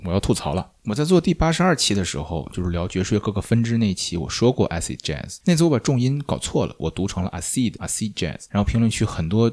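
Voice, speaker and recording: A man with a fairly low voice hosts a jazz podcast. He talks in a loose, storytelling way, full of asides, and gets animated when he vents. It sounds like a studio podcast mic. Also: fast, hardly any pauses. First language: Chinese. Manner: chatty, colloquial storytelling, turns animated and exasperated when ranting. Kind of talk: scripted podcast narration with asides.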